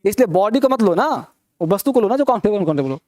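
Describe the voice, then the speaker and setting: A man's voice: high-pitched, expressive, fast, darkish tone, no echo. Teasing, scolding male teacher, dry sound. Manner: teasing and scolding, quizzing students with rhetorical questions. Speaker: English grammar teacher. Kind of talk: classroom lecture.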